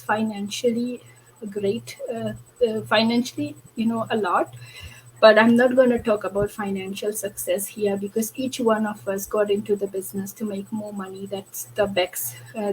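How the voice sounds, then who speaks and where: A woman's voice: medium pitch, slight background noise, poor audio. A woman from Fiji, telling her own business story on a panel in an earnest, candid way, with many fillers. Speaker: online business owner on a panel. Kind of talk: personal story in a panel discussion.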